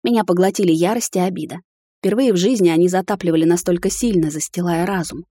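A woman reading a first-person romance novel, dramatic and sharp-tongued as the heroine. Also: lowish voice, fast, dry recording, clean studio sound. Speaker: audiobook narrator.

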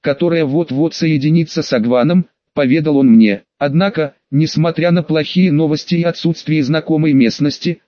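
Man, audiobook narrator, fantasy story, steady even delivery, slightly high voice, dull dry recording. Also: no room sound.

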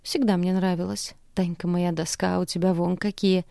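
A leering, sleazy drunk man muttering low and oily, as a woman reader puts him on. The voice is dark and low for a woman. It sounds close and dry. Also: flat delivery, normal speed, creaky, clean tone, dry recording.

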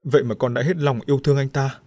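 A man's voice: medium pitch, fairly even intonation, fast talker, mellow, no room sound, studio quality, natural voice. A man voicing a young woman who speaks tearfully and bitterly in a storybook reading. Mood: hurt. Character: young woman, hurt but composed.

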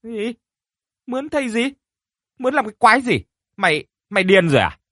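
A man's voice: high voice, very animated, fairly quick, sharp tone, dry recording, clean studio sound, voice pushed up, heavily acted. A man voicing a harsh older landowner's wife who screams and scolds her servants. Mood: furious shrieking.

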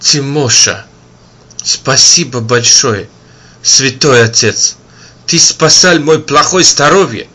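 A man voicing a dazed young man who speaks in slow, broken phrases. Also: mid-range voice, pushed and bright. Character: young man just cured, dazed and halting.

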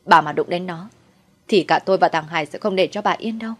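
A woman voicing a bitter, vengeful young daughter-in-law who shouts with resentment, in a storybook reading. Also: lowish voice, moderate pace, breathy edge. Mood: furious.

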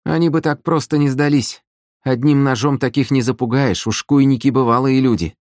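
A man's voice: mid-range voice, normal speed, a little mellow, no echo, studio quality, voice pushed up, close to an everyday voice. A man voicing a sarcastic, weak young minstrel in an audiobook, with a theatrical, mocking delivery. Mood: arguing. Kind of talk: audiobook character voice.

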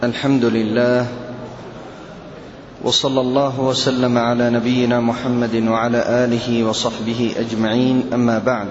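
A man teaching a classroom Quran lesson, speaking slowly and deliberately and putting questions to his students. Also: mid-range voice, flat delivery, crowd noise. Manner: slow, deliberate, quizzing students. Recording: lo-fi echoey hall recording with faint hiss.

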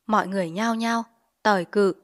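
A woman narrating a dramatized novel reading, acting out each character in a lively way. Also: mid-range voice, a little fast, no room sound, studio quality. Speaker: audiobook narrator.

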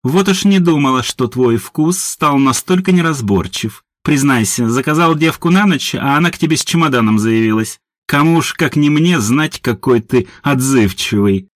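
A man's voice: medium pitch, lively intonation, moderate pace, few pauses, no room sound, clean studio sound, pitched above the performer's own voice, natural voice. A man voicing a spiteful, sneering middle-aged woman full of contempt. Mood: taunting.

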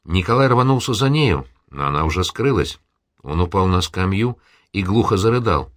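Deep-voiced male audiobook narrator. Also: animated, moderate pace, fairly bright tone, no room sound, studio quality. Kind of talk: dramatic audiobook reading.

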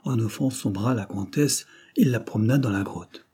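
A man narrating an audiobook in a steady, even storytelling voice. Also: on the low side, normal speed, slightly rough.

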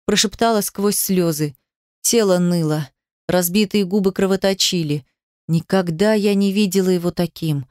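A woman's voice: fairly low pitch, normal speed, a little mellow, dry recording, clean studio sound. Woman narrating a tense story. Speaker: audiobook narrator. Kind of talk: first-person dramatic narration.

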